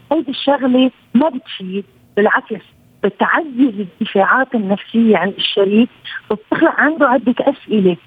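A woman with a Lebanese accent, a psychoanalyst and family counselor, calmly explaining her points over a low-quality remote audio stream. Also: husky, dry recording. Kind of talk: explanatory interview answers. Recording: tinny phone-like remote line.

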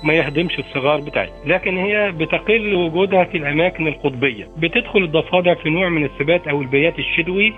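An Egyptian man explaining informally as an expert, halting often over filler phrases. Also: fairly high pitch, a bit bright. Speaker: expert interviewee. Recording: narrow, phone-like sound. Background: faint music.

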